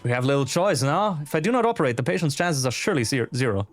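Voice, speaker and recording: A man's voice: medium pitch, animated, fast, soft background music, natural voice. Man as a formal, stoic cyborg badger surgeon. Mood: resolute. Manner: formal, grave, resolute.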